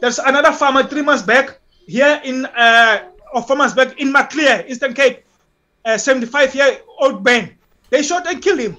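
A South African man giving impassioned interview talk as an activist guest, halting, emphatic and often repeating himself. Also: very high voice, sharp tone, muffled recording.

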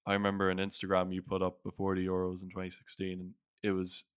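An Irish man hosts a casual sports conversation in a low, very smooth voice. His pitch moves little, and his accent is plainly Irish. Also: monotone, fast talker, no room sound, studio quality. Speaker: podcast host.

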